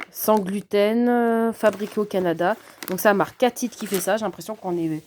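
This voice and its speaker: A woman chatting casually through an unboxing of a cat subscription box, often pausing with fillers. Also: medium pitch, a little mellow, a little hiss or hum. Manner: chatty, hesitant with frequent fillers.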